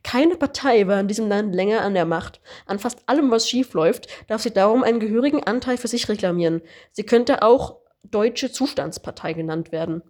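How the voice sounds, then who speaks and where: A woman doing an amateur audiobook reading in a plain, even manner. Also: medium pitch, fairly quick, few pauses. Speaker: audiobook reader.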